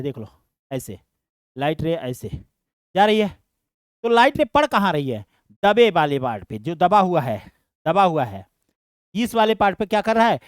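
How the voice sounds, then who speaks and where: A man's voice: high voice, clear, resonant tone, no room sound, studio quality. A man teaching an online science lesson. He explains step by step, fondly calls his students "beta", and keeps asking whether they understood.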